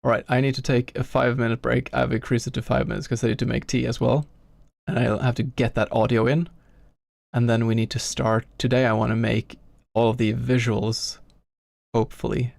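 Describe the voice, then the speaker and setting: Norwegian man, norwegian accent, gravelly, dry close mic, rambling stream chat. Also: medium pitch, little pitch movement, fairly quick, darkish tone, no echo. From Norway. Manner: rambling, self-deprecating, thinking aloud. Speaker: game developer streamer. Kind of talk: casual live-stream chat. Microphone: gifted home studio microphone.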